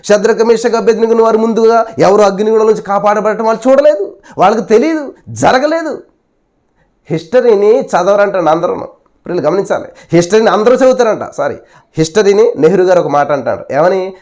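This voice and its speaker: A high-voiced male preacher giving a sermon, firing rhetorical questions at his listeners. He punctuates his points with hallelujahs. He swings between loud emphasis and sudden hushed asides. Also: expressive, fairly quick.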